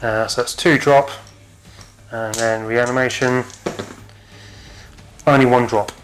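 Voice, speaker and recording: A man's voice: medium pitch, fairly even intonation, slow, a little hiss or hum. A man with a broad New Zealand accent chatting casually and chummily as he commentates a tabletop wargame as a player. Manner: chummy, matey banter.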